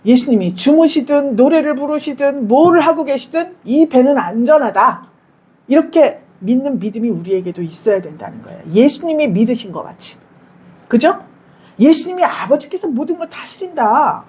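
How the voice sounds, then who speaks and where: A woman's voice: sits high, expressive, moderate pace, a little mellow, rough recording. A woman pastor giving a Sunday sermon in a church. She talks to the congregation conversationally, asks them questions and acts out quoted prayers and dialogue.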